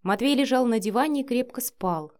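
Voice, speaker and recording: A woman narrating a story in a steady storybook reading. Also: a little high, a little fast. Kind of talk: scripted narration.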